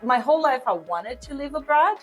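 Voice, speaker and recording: Chatty Brazilian-born woman, higher voice. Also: animated, fairly quick, soft background music. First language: Portuguese. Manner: chatty, laughs often, acts out her own past thoughts. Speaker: guest, program manager. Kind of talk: casual interview.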